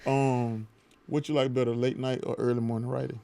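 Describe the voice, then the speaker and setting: Hosting a podcast, a man asks questions in a casual interview chat, easygoing and conversational as he drawls relaxed phrases. His mid-range voice is gravelly and mellow, fairly quick, with a flat delivery.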